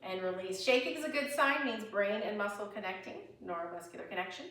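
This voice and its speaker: A woman's voice: medium pitch, quick pace, fairly bright tone. A woman teaching a chair yoga class, guiding each move with breath cues in an encouraging, chatty way with small laughs. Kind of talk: guided exercise instruction. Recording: echoey room, mic at a distance.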